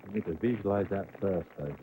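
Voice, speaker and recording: A man's voice: sits low, quick pace, creaky. A man giving live golf commentary in an analytical, explanatory way. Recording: faint background noise.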